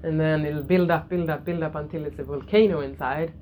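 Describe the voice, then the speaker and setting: A middle-aged woman teaching a yoga lesson in a gentle way, repeating key phrases and laughing softly now and then. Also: sits low, fairly even intonation, brisk, slight background noise, low-quality recording. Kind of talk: spiritual lesson to a class.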